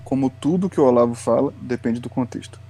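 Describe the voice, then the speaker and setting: Male podcast guest, educator; mellow, patient, lecturing delivery. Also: mid-range voice, brisk, breathy edge. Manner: patient, lecturing, often tags lines with "né". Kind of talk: explanatory podcast talk.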